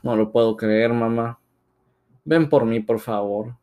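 A man's voice: medium pitch, takes it slowly, warm tone, smooth, lightly acted. A man voicing a young woman who is frustrated at work and close to tears. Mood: upset.

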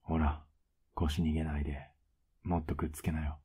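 Whispered role-play, male voice actor as a doting older boyfriend: husky, very low, flat and coaxing. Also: moderate pace, heavily acted. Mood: teasing tender. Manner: teasing, soft-spoken, coaxing.

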